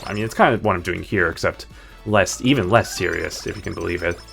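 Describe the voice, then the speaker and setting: A man's voice: deep voice, fast, creaky, fairly bright tone. A man streaming a video game, chatting casually and rambling through his choices with playful asides. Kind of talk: casual gameplay commentary. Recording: background game music.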